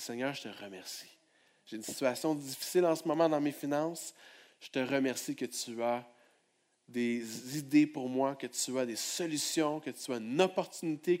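Male pastor, fairly high voice, sermon with hushed prayers and booming calls to the crowd. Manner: swings from hushed prayer to loud exclamations; calls on the congregation to respond.

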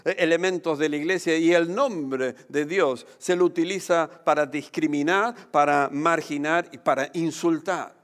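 A man preaching a sermon as pastor, emphatic, slowing down to stress key phrases. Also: on the high side, clear, resonant tone. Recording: long hall reverb.

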